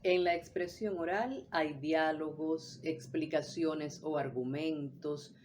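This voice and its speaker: A woman teaching a voice workshop in a measured, deliberate way, now and then acting out short examples. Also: deep voice, fairly even intonation, a little mellow, slight background noise. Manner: measured, deliberate delivery with brief acted examples. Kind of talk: scripted instructional talk.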